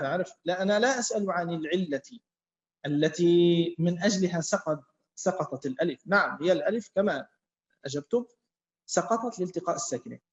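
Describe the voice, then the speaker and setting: A man teaching a lesson to a class, talking slowly, repeating himself and quizzing students. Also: sits high. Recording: echoey, dull-sounding classroom.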